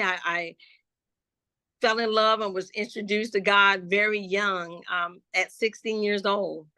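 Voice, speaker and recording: A gospel hip-hop artist from Jacksonville, Florida, she shares her personal testimony as an interview guest. Her medium-pitched voice is bright and forward, and she speaks slowly and reflectively, with many pauses, restarts and fillers. The sound is close and dry, with no echo.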